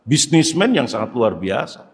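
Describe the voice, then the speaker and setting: A man preaching a sermon in a mosque, animated, swinging between sharp stressed words and low murmured prayers. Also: normal speed, long reverb tail. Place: mosque hall.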